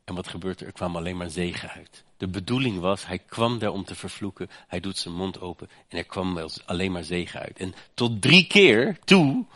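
A man preaching a sermon with passion. He often says "hè" and climbs to high, emphatic peaks. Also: fairly even intonation, fairly quick, hardly any pauses, no room sound. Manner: impassioned, rises to high emphatic peaks, frequent "hè" fillers.

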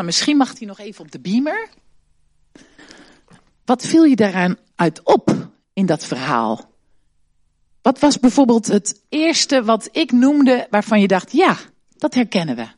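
Een vrouw die in een kerkdienst een interactief kinderpraatje houdt, met veel vragen en uitroepen. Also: female voice, mid-range voice, dry recording, studio quality. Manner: asks many questions, animated, exclaims. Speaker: children's talk leader in church service. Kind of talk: interactive children's talk.

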